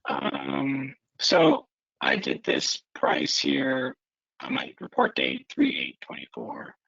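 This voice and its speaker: A man's voice: mid-range voice, huge pitch swings, slow, gravelly, fairly bright tone, dry recording, muffled recording. A man presenting a stock report on a video call, his voice garbled and glitching through wireless earbuds. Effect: garbled, glitching audio through wireless earbuds. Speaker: investment club member presenting a stock report.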